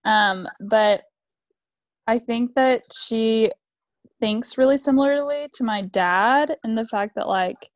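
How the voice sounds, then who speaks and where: A young woman takes part as a guest in a casual podcast chat. Her voice is a little high and she speaks slowly, with a teasing, joking manner. The recording is dry, with no echo. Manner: teasing, joking and laughing softly.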